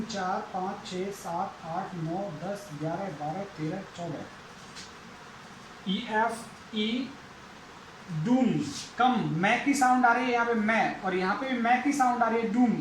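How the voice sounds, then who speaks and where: A man with a very high-pitched voice teaches an English lesson, working through it methodically and repeating each step aloud. The recording is rough and roomy, with a little hiss or hum in the background.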